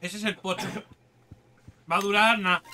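Un hombre con acento de España que comenta una partida de un videojuego de forma desenfadada, grita a los monstruos y suelta tacos a cada rato. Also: male voice, high voice, normal speed, background noise. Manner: excitable, shouting and swearing at monsters. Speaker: gaming YouTuber. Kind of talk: casual let's-play commentary.

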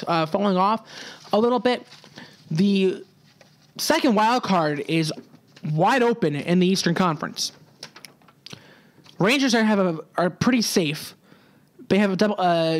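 High-voiced young man hosting a sports podcast. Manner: casual, sarcastic asides, frequent restarts. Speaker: podcast host. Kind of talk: solo hockey podcast talk.

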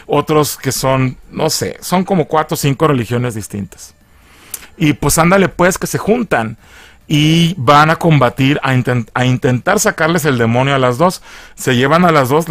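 A man's voice: on the high side, no echo. A man with a Mexican accent casually recapping a film, profane and mocking in a chatty way. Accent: Mexican Spanish. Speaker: film reviewer.

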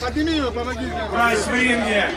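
A man's voice: very high-pitched, fairly quick, over a noisy crowd. A man giving emphatic live fight commentary, rallying the spectators over a PA. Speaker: ring commentator. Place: outdoor fight event among spectators. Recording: very echoey, noisy distant outdoor PA.

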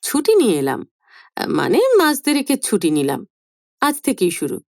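A woman voicing a grown son in a storybook reading, hurried and sheepish, talking too much to cover his unease. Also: a little high, huge pitch swings, gravelly, no echo, studio quality, exaggerated voice. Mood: flustered. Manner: hurried, over-explaining, sheepish. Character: anxious grown son, eager and flustered. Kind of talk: audiobook character voice.

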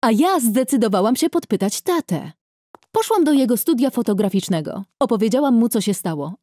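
Young woman, first-person story narration, lively pitch, mellow dark tone, dry close sound. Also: fairly quick, no echo.

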